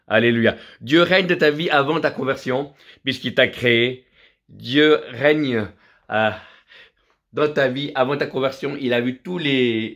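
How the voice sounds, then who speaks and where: A man's voice: medium pitch, fairly bright tone. A middle-aged man, from Vietnam, preaching a fervent sermon full of repetition and alleluias.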